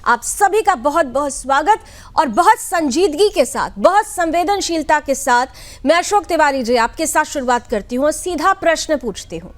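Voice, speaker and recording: A woman's voice: high voice, lively intonation, normal speed. A woman anchoring a televised panel debate, pressing her guests and repeating her questions insistently. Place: TV studio.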